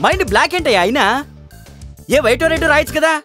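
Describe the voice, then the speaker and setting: An actor playing a pompous middle-aged film director who scolds in a sing-song, mocking way. His pitch swings widely as he sneers at the dialogue. Music runs under the scene. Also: expressive, rapid-fire. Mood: scolding. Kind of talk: comedy short film acting.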